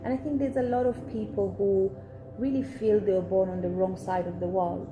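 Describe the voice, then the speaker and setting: A woman's voice: mid-range voice, steady tone, a little fast, noisy background. A woman from Africa hosting an interview show, affirming and encouraging her guest. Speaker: host. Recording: roomy sound with music behind.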